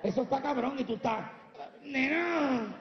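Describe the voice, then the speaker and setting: A man's voice: high-pitched, very animated, brisk, vocal fry, reverberant, big-room sound, dull audio, background noise. A man from Puerto Rico with a Puerto Rican accent doing brash, profane stand-up comedy before a live audience, teasing the crowd. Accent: Puerto Rican Spanish.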